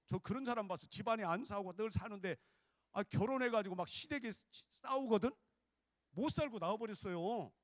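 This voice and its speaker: A man's voice: sits high, no room sound, clean studio sound. A man preaching a revival sermon, telling a story with acted-out quotes and leading the congregation in call-and-response. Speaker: pastor.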